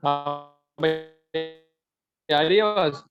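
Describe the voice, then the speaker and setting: A man's voice: a little high, slow pace, over music. A man explaining a computer task over a voice call, patiently going step by step and checking that the listener is following. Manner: patient, repeats checks for understanding. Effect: heard over a voice call. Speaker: instructor. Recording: dull, lo-fi call audio.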